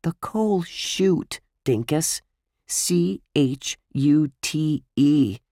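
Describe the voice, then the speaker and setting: A man reading a children's book aloud, voicing an excitable young boy who complains a lot, in a raised, lively voice. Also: on the high side, moderate pace, no room sound, clean studio sound, voice pushed up. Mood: eager.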